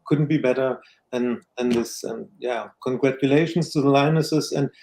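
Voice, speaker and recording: A man from Germany with a German accent, a guest pundit talking casually and haltingly about football. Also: mid-range voice, vocal fry, a little mellow, low-quality recording.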